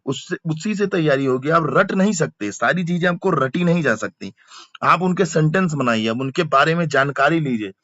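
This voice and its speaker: In an online exam-prep lesson, a male teacher explains things word by word, repeating terms and asking for comments. His voice is on the high side and a bit bright, with no echo, though the sound is dry, muffled and lo-fi.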